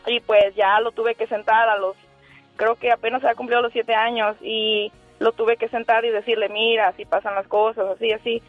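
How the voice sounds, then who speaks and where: This phone-in caller, a woman in her forties, tells a chatty story in a nervous, giggly way, wandering off and starting over again and again. She speaks at a moderate pace in a slightly high, level tone, with faint music behind her, no echo, and the thin sound of a telephone line.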